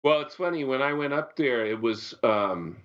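A man's voice: mid-range voice, lively intonation, normal speed, a bit bright, highs cut off. A man, a songwriter guest, chatting casually in an interview from his bedroom, often restarting his sentences.

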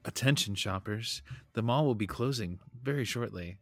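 Low-voiced mall intercom guy, as a man puts him on, calm formal store announcement. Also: moderate pace. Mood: announcing. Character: male mall announcer calling over the intercom. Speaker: podcast co-host.

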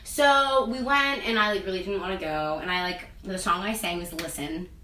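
Speaking at a normal speed in a fairly low, pushed, bright voice, a young adult singer and actress rambles through a casual interview, constantly filling gaps with "like" and "um." The recording comes from a distant mic in an echoey room with faint ambience.

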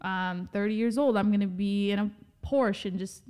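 A woman's voice: mid-range voice, moderate pace, a little mellow. Blunt, swearing woman co-hosting a podcast. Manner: blunt, swears freely, teasing. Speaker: podcast co-host. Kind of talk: casual chat.

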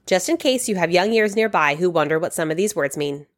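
Lively, upbeat woman hosting a podcast. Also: on the low side, fairly quick. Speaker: podcast host. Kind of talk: scripted podcast narration.

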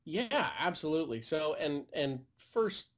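A man's voice: on the high side, lively intonation, unhurried. Earnest man guesting on a podcast. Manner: earnest, with many fillers. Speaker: podcast guest, game publisher staff. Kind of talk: casual interview chat.

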